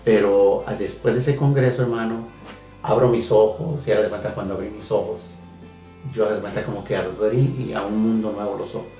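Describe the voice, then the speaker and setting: A man's voice: on the low side, steady tone, fairly quick, dark tone. A man earnestly telling a personal faith testimony on a radio talk show, with hesitations and repeated phrases. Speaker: guest giving testimony. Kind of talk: emotional spoken testimony. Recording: echoey room, heard from a distance, faint music.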